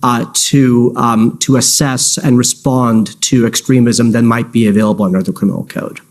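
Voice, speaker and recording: A man's voice: medium pitch, steady tone, normal speed. A man cross-examining a witness at a formal hearing, putting polite, leading questions and often restarting his phrases. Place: formal public inquiry hearing.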